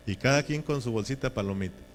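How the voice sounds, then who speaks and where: A man's voice: mid-range voice, moderate pace. A man preaching a sermon in a folksy, joking way, often checking in with his listeners. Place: church.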